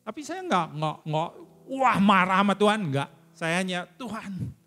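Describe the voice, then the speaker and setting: A man's voice: big pitch swings, moderate pace, pushed and bright, faint music behind. A middle-aged man, preaching a sermon as a church elder and telling his own story with emotional, fervent swells. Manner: emotional storytelling, rising to fervent high peaks. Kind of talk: sermon with personal testimony.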